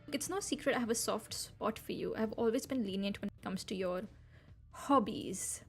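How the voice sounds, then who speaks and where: A woman reading the lines of a sly, indulgent male vampire club owner in a game, smooth and lazily persuasive. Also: mid-range voice, moderate pace, faint music behind, close to an everyday voice. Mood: coaxing.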